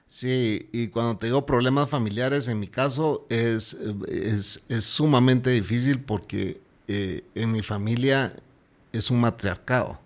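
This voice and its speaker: A man's voice: mid-range voice, a little slow. Podcast co-host, man, outspoken and teasing, medium voice. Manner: blunt, teasing, laughs often. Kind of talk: casual podcast banter.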